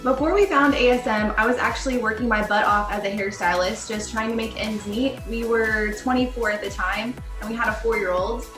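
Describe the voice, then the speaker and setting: A woman's voice: fairly high pitch, a little fast, few pauses, fairly bright tone, faint music behind. A woman from Texas giving an earnest testimonial, recorded from a distance. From Texas, United States. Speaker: customer testimonial. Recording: roomy, from a distance.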